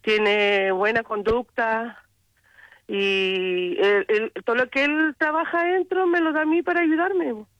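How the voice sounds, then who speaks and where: A woman's voice: a little high, a little slow, a bit bright, no echo, lo-fi sound. A Chilean woman calling in, telling her situation hesitantly and repeating words. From southern Chile. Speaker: caller. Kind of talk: phone-in testimony.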